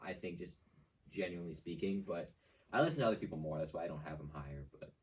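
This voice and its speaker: A man's voice: low-pitched, fast, far from the mic, slight background noise, poor audio. A young man co-hosting a student podcast, talking in a laid-back, hesitant way. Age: young adult. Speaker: co-host. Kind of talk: casual chat.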